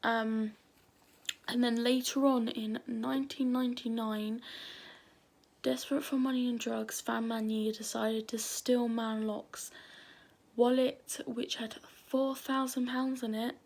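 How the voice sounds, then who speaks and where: A woman's voice: a little high, flat delivery, slow pace, creaky, darkish tone. A woman telling a true crime story at home late at night, nervous and often dropping to a whisper. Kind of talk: casual true crime narration.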